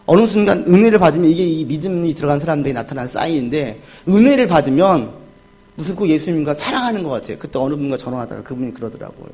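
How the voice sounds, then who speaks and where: Korean pastor preaching with dramatic swings. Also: male voice, animated, quick pace. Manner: swings from soft, low asides to loud, high cries when acting out the crowd and the beggar; asks the congregation questions and answers them himself. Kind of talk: sermon.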